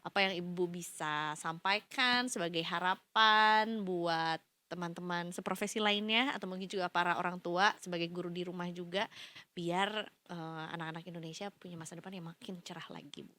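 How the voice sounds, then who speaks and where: Woman, interview host, low pitch, bright tone, casual, agreeing murmurs. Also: steady tone, normal speed. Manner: frequent backchannel hums.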